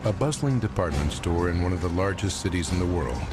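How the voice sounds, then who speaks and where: A man with an American accent and a low, animated, brisk voice reads dramatic documentary narration in a grave, suspenseful manner. A loud dramatic score plays underneath.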